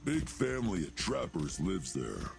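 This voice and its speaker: An actor playing a gravelly super mutant hermit who trains dogs, gruff, wary but civil, in a video game. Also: male voice, deep voice, very animated, unhurried, heavily acted. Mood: calm, matter-of-fact. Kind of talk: video game character dialogue. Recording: game audio with loud music behind. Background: music.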